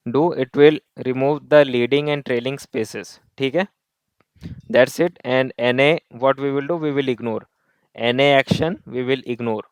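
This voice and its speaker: A man teaches a coding lesson over a screen recording. His voice is smooth and clear, recorded dry and close to the mic. He breaks each step down and repeats key points, mixing in Hindi tag words. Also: mid-range voice, no echo. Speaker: coding tutor.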